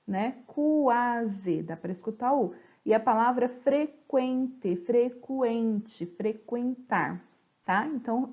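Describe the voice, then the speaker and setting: A woman teacher giving a slide-based grammar lesson, explaining patiently and stretching example words out slowly. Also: fairly high pitch, darkish tone, dull audio. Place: home.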